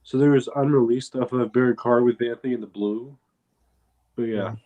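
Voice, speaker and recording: A man's voice: mid-range voice, fairly even intonation, moderate pace, warm tone, highs cut off. A man co-hosting a casual fan podcast, recalling details in a thoughtful, hedging way. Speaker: podcast co-host.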